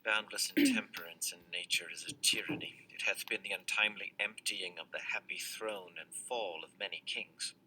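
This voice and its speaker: An actor playing a grieving, loyal nobleman, delivering classical verse with intense, drawn-out phrasing. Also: on the low side, very animated, bright, forceful tone, slight background noise, heavily acted, low-quality recording. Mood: anguished. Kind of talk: classical stage verse reading.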